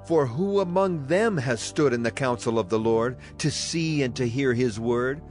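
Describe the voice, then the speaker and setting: As a Bible narrator, a man with a mid-range, darkish voice gives a solemn, declamatory dramatized reading of scripture at normal speed. Music plays clearly behind his voice.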